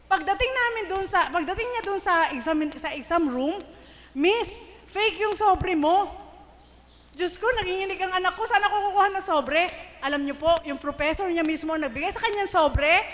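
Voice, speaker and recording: Woman, middle-aged, testimony, emotional, laughing, high bright voice, long hall reverb, faint noise. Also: animated, fairly quick. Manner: emotional, laughing often, calls out to the crowd. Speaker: church member giving testimony. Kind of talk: spoken testimony to a congregation. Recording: live stream in a reverberant hall.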